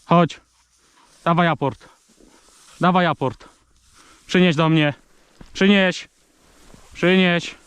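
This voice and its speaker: A man's voice: on the high side, steady tone, slow, long pauses, fairly bright tone, clear, resonant tone, dry recording. A man out hunting, calling short clipped commands to his dogs in the open fields. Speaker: hunter working his dogs. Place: outdoors in rural fields.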